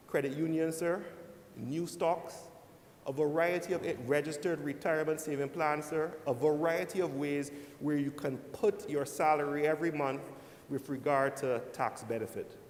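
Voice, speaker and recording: A man giving a formal speech as a senator, deliberately addressing the chair and often saying "sir". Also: darkish tone. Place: large indoor legislative chamber. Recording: echoey hall, rumbling background noise.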